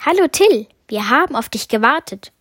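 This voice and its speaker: A woman's voice: sits high, lively intonation, normal speed, fairly bright tone, husky, no room sound, clean studio sound, heavily acted. A woman voicing a giggly talking number eight. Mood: welcoming. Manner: giggly, welcoming.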